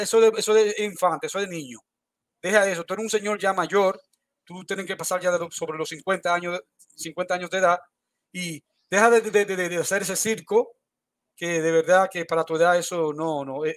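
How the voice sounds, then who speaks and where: A man with a fairly high voice argues hard in an online debate. He throws out challenges, accuses his opponent and repeats his points again and again. He talks over what sounds like a video call. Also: steady tone, brisk, a bit bright.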